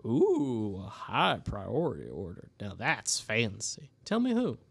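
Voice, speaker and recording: A man's voice: fairly low pitch, huge pitch swings, slow, vocal fry, breathy edge, exaggerated voice. A man voicing a bald old human farmer in his seventies, with a folksy country drawl and wry, sarcastic asides, during a tabletop game. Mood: curious. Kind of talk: tabletop role-play voicing.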